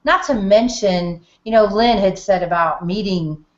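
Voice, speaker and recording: A middle-aged woman telling her story on a group call from her home office, lively and acting out the dialogue. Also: mid-range voice, measured pace. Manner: animated storyteller who acts out quoted dialogue. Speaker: testimonial speaker on a group call. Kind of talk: casual storytelling testimonial. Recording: muffled roomy home call audio.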